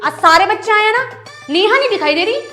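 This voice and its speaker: Very high-voiced fast-talking woman in a comedy skit. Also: expressive, sharp tone, reverberant. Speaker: comedy sketch performer. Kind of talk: scripted school comedy skit. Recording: background music under voice.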